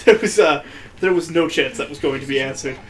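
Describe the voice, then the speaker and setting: This let's play host is a man whose voice runs a little high and a little fast. He plays a video game while offering casual, sarcastic remarks and wry jokes, with game music behind him.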